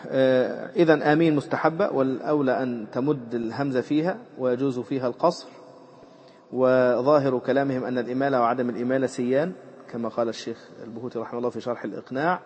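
Sheikh explaining jurisprudence. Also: male voice, fairly even intonation, fast talker, darkish tone, breathy edge. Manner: reads a passage aloud, then explains it with fillers and repetition. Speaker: Islamic jurisprudence teacher. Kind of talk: explanatory lesson on a classical text. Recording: muffled low-fidelity recording with faint background noise.

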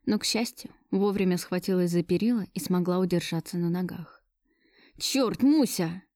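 A woman's voice: lowish voice, steady tone, fairly quick, mellow, no echo, studio quality. A woman narrating a romance novel in the first person, with dramatic, emotional storytelling. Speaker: audiobook narrator.

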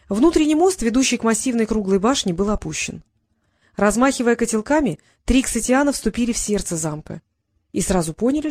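A woman's voice: medium pitch, darkish tone, dry recording. Woman narrating a story, dry close sound. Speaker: audiobook narrator. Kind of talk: scripted narration.

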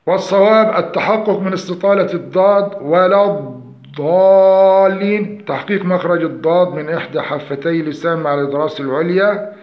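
A man's voice: fairly high pitch, fast. A man teaching Quran recitation, explaining pronunciation errors and demonstrating the correct forms. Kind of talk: tajweed lesson. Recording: echoey dull lo-fi room.

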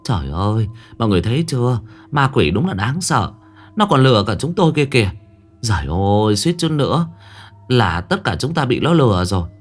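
A man's voice: mid-range voice, very animated, a little fast, soft background music, voice pushed up. A man voicing a scheming psychic who films and persuades a crowd in a raised, dramatic voice. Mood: dramatic persuading. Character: scheming psychic-team leader filming a crowd.

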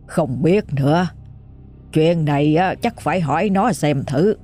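A woman's voice: low-pitched, unhurried, mellow, soft background music. A woman voicing an anxious male ritual master in a ghost story audiobook, giving hesitant, grave warnings.

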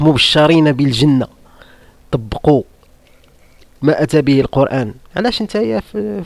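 With a creaky, mid-range voice and a Moroccan accent, a man hosts an online debate room. His argumentative live-room monologue is combative and mocking, full of rhetorical questions. There's no echo.

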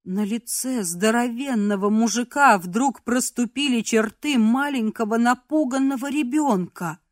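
A woman reading a novel aloud in the first person, in steady storytelling. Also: on the high side, unhurried, no room sound, clean studio sound. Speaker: audiobook narrator.

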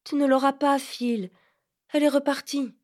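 A woman's voice: high-pitched, fairly even intonation, pitched above the performer's own voice, natural voice. A woman reading an audiobook, voicing a proud, impatient fifteen-year-old girl who snaps and bosses. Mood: eager. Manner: sharp, quick, bossy. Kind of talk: audiobook character voice.

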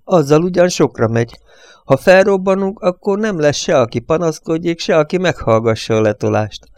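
A man playing a gruff, impatient truck driver. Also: fairly high pitch, expressive, darkish tone, no room sound, voice pushed up. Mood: mocking.

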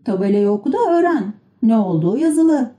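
A woman's voice: a little high, big pitch swings, fairly quick, warm tone, dull audio. A woman voicing a matter-of-fact little boy in a storybook reading, close to her own voice.

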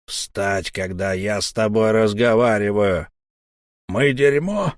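Man doing a drunken wolfish boarder, slow growling threats, low, dry sound. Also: no echo. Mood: menacing. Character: brutal drunken wolfish male ship boarder. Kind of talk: audiobook character voice.

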